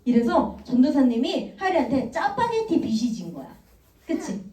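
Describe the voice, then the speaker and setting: A woman evangelist giving an animated children's sermon and quizzing the kids. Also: sits high, moderate pace, slight background noise. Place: church room. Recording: echoey room, mic far off.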